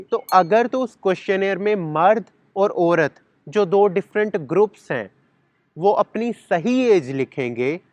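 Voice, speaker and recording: A man with a slightly high voice gives an explanatory sociology lecture outdoors in a garden, repeating key words and dropping English terms into his speech. The recording is dry, with no room sound.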